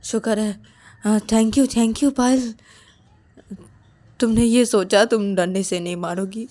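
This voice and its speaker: A woman voicing a timid young woman who stammers, whines and pleads in a high, strained voice. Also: steady tone, slow pace, warm tone. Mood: pleading.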